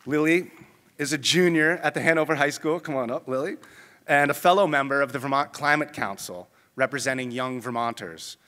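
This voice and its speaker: A middle-aged man at a conference podium, giving prepared welcome remarks in a measured, formal way. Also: mid-range voice, bright, forceful tone. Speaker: conference host. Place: large conference ballroom. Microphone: podium microphone. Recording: long hall reverb.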